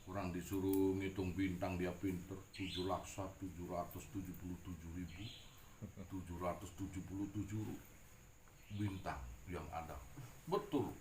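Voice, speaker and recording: A man telling a story with humor in a sermon, animated and joking. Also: low voice, moderate pace. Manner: animated and joking, mixing in local slang. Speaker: preacher. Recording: echoey room with faint noise.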